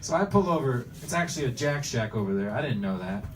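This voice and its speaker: A man's voice: medium pitch, animated, fast talker. A man doing crude, brash stand-up for people in a game store. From Bosnia. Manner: brash, provoking the crowd. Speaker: stand-up comedian. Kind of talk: crude improvised stand-up in a shop. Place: retro video game store. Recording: far from the mic, noisy store.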